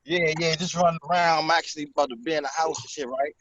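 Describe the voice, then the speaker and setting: A man guesting on a comedy podcast over a video call, bantering in a relaxed, slangy way. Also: on the high side, fast, dull audio, crowd noise. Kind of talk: casual chat.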